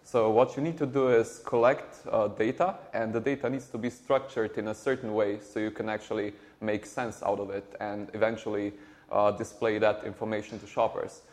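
Lowish-voiced man, halting speech. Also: fairly even intonation, a little mellow. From Slovenia. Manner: halting, many repeated words and fillers. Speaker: startup co-founder guest. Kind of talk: conversational interview.

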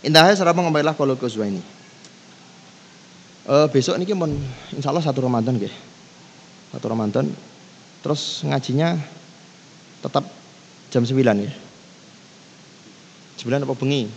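Relaxed Javanese-accented man teaching. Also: medium pitch, moderate pace, gravelly, pauses often. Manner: easygoing, mixes Javanese into Indonesian, recites Arabic. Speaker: Islamic teacher leading kitab study. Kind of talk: casual religious lesson. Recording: long reverb with faint background noise.

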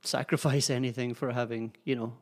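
A man co-hosting a casual travel chat, laid-back and low-key in his replies. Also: steady tone, a little fast. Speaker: podcast co-host.

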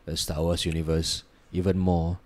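A man from Singapore co-hosting a casual podcast, hesitant and quick to laugh. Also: low voice, little pitch movement, a little mellow. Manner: hesitant, many fillers and restarts, laughs often. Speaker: podcast co-host.

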